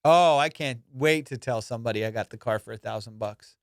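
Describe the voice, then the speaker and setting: Clean studio sound with no room sound carries a young adult man's medium-pitched, brisk delivery. He's a comedian and podcast host telling cocky, foul-mouthed stories in an offhand monologue, with excited bursts along the way.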